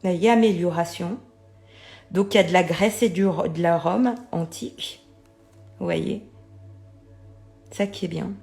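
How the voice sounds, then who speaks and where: A woman's voice: fairly low pitch, unhurried, vocal fry, long pauses, darkish tone, faint music behind. A middle-aged woman chatting casually to viewers about oracle cards, often checking they follow her with little asides. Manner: chatty, keeps addressing viewers, many fillers. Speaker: oracle card reader.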